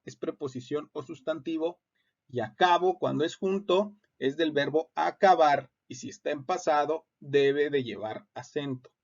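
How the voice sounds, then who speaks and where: A man explains spelling rules for court documents in a patient lecture. His fairly high voice carries a gravelly edge. The sound is muffled and lo-fi. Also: darkish tone. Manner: patient, repeats points with many hesitations. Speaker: teacher. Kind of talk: explanatory lecture on legal writing. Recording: muffled lo-fi audio.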